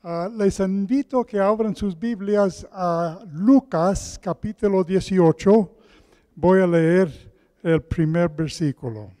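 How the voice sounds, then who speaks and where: Soft-voiced preacher in echoing church. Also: male voice, high voice. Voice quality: soft, gentle voice. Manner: slow, deliberate scripture reading. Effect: heavy echo of a large church hall. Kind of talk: sermon. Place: large echoey church. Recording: long church hall reverb.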